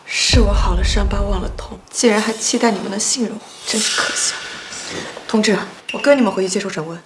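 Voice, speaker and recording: A woman's voice: medium pitch, brisk, background noise, natural voice. An actress playing a wronged young woman who speaks in a cool, restrained way in a short drama. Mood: bitter.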